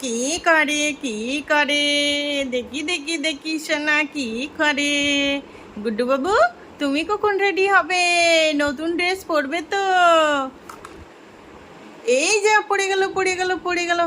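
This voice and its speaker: A woman voicing a young mother doll who fusses over her baby, repeating soft words to him in a doll-play story. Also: high-pitched, slow pace, long pauses, slight background noise, heavily acted. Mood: doting. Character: young Bengali mother doll, fussing and affectionate.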